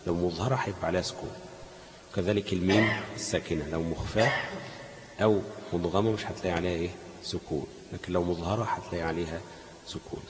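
A man's voice: low voice, background noise. Egyptian man teaching in an echoey hall. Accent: Egyptian Arabic. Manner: asks leading questions and lets students finish the answer. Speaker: Quran recitation teacher. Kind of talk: classroom lesson with questions to students.

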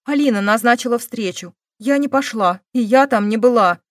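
A woman's voice: fairly high pitch, moderate pace, no echo, clean studio sound, lightly acted. A woman voicing a sullen, defiant young woman who answers questioning with curt, stubborn denials.

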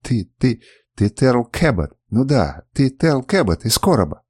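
Kernus, a shrill cowering lord, as a man puts him on. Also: sing-song, a little slow, a little mellow, husky, dry recording, clean studio sound. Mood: stammering. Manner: shrill, frantic pleading and stammering. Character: cowardly panicking middle-aged male house lord.

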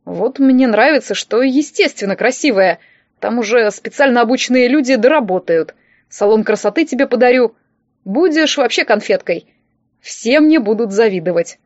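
A woman reading an audiobook and voicing a blunt, bossy older rich man who gives gruff, mocking orders. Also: a little high, animated, normal speed, dry recording, dull audio, natural voice.

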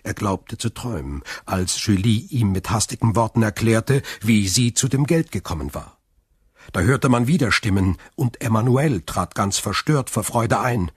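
Husky low-voiced storybook narrator man. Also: animated, no echo. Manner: measured, storytelling. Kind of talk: scripted audiobook narration.

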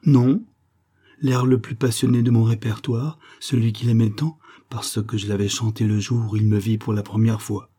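A man's voice: on the low side, little pitch movement, moderate pace, mellow, husky. A man voicing an old woman, a former opera singer, telling her story with confiding wistfulness. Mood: recounting.

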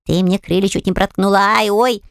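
A woman's voice: medium pitch, fairly even intonation, a little fast, vocal fry, no echo, clean studio sound, lightly acted. A woman voicing a small, mischievous winged male creature who whines and squeals in a storybook reading. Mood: whiny. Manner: whiny, squealing.

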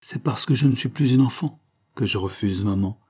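A man's voice: mid-range voice, moderate pace, a little mellow, breathy edge, natural voice. A man reading the part of a proud young woman who answers firmly and defiantly. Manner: firm and defiant.

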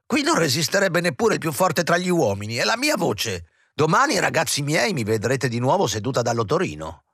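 Male reader playing an anxious, complaining actress; whiny, pitched up. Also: huge pitch swings, brisk, fairly bright tone, slightly rough, dry recording, heavily acted. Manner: fretful and whiny.

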